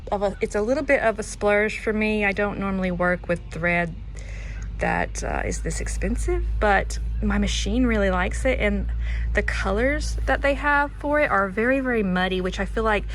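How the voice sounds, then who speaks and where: A woman's voice: fairly low pitch, fairly bright tone. Casual, chatty woman with background noise. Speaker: quilter presenting her own finished quilt. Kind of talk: casual show-and-tell vlog.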